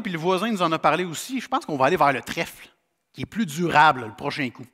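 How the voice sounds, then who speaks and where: A man's voice: a little high, a bit bright, big-room sound. A man with a Québécois French accent preaching a sermon in a folksy, storytelling way with humorous asides. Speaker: pastor. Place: church sanctuary.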